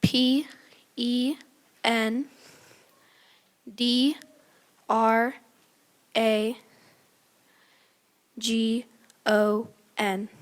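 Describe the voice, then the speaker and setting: High female voice, slowly spelling it out. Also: flat delivery. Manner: slow, deliberate spelling out. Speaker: spelling bee contestant. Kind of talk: spelling words out letter by letter in a spelling bee.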